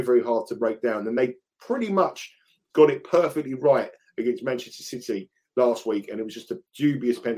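Brief: London bloke, middle-aged football tipster on a betting podcast, chatty, laughs easily, mid-range voice. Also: male voice, medium pitch. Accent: London English. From England. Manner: laughs through stories, repeats himself when excited. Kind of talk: casual podcast chat.

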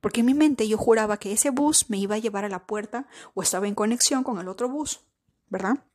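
A woman's voice: a little high, fairly quick, darkish tone, no room sound, clean studio sound. A woman in her thirties hosting a podcast, telling a personal story in a chatty way, speaking straight to her listeners and repeating words as she searches for them. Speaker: podcast host.

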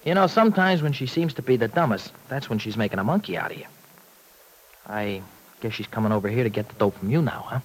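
Male actor as uneducated, loyal young city fellow; slangy, lively radio serial delivery. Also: medium pitch, fast, close to an everyday voice, low-quality recording. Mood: wary, protective. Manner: slangy, plainspoken, ungrammatical. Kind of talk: old radio soap acting.

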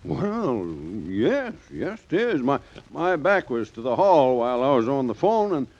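A man's voice: medium pitch, sing-song, measured pace, a little mellow. An actor playing a flustered, stammering male street-corner Santa in a 1940s radio play, with an old radio show sound. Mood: nervous. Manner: nervous, stammering and evasive. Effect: old radio show broadcast sound. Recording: dull lo-fi vintage radio recording.

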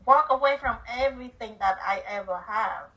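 Older Cambodian-born woman, bright voice. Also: fairly high pitch, normal speed, far from the mic, low-quality recording. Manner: earnest, simple phrasing with small grammar slips. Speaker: guest, author and speaker. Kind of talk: telling her life story in an interview.

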